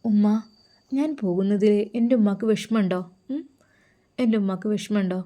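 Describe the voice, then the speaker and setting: A gentle, devout young woman, voiced by a woman, speaks with tender affection. Her voice is mellow and warm, in the even manner of an audio storybook. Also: mid-range voice, moderate pace, close to an everyday voice. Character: gentle, devout young woman, soft-spoken daughter-in-law.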